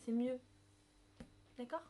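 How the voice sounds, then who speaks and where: Chatty woman, high voice. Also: takes it slowly, mellow. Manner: chatty, many fillers and self-corrections. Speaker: book vlogger. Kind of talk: casual book review vlog.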